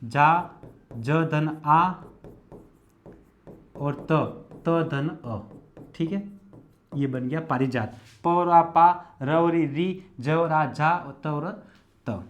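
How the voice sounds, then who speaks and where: A male Hindi lecturer teaching an exam-prep lesson, explaining each step methodically and repeating it while he writes. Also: fairly high pitch.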